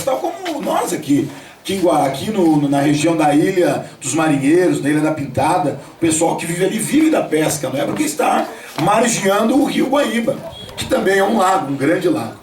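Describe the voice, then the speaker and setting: A man, preaching a sermon at a home worship gathering and speaking directly to his listeners. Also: sits high. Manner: storytelling, addresses listeners directly. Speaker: pastor. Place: home, gathering of family and church members. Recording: echoey room, voice from a distance.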